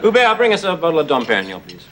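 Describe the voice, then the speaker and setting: Pompous snob; high, animated voice over loud hiss. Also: male voice, rapid-fire. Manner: pompous, dismissive. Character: pompous snobbish man, dismissive.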